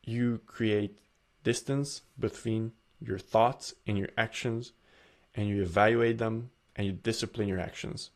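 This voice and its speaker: A man's voice: fairly low pitch, steady tone, unhurried. Earnest man giving a self-help talk. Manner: earnest, repeats and restarts phrases. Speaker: presenter.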